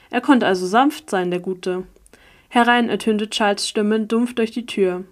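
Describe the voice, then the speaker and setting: A woman reading a first-person story aloud as an audiobook narrator, with an even, steady delivery. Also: on the high side. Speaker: audiobook reader.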